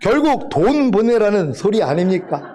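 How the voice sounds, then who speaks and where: High-voiced Korean-style preaching man. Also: sing-song, moderate pace, mellow. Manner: earnest, exhorting, teasing the congregation. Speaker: pastor. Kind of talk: sermon.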